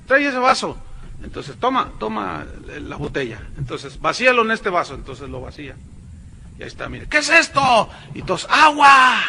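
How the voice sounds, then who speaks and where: A Mexican man preaches from the pulpit with a high, bright, ringing voice. He tells a story and mimics its characters with relish, and faint noise sits under the recording. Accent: Mexican Spanish. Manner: animated storytelling with mocking impressions. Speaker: pastor. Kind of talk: sermon.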